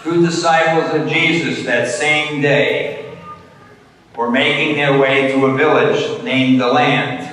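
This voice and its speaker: Slow-talking deacon in an echoing church. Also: male voice, mid-range voice, steady tone, noisy background. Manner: deliberately slow, mock-confused storytelling. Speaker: deacon giving a homily. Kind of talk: comic retelling of a gospel for children. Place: church during Mass. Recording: distant voice in an echoey church.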